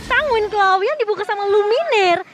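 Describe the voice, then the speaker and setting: A woman with an Indonesian accent giving excited game commentary in a colloquial, exclamatory way. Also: very high-pitched, moderate pace, slight background noise. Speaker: esports match co-caster.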